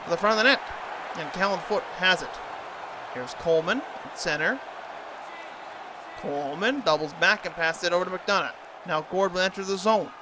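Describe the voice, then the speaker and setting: A man's voice: high voice, moderate pace, pauses often, crowd noise, background noise. A man doing hockey play-by-play commentary in an imitation of a TV sports announcer.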